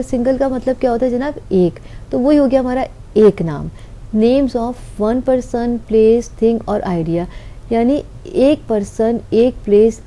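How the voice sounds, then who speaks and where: Dark-voiced woman teaching grammar. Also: a little high. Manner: explains patiently, asks and answers her own questions. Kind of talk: online grammar lesson.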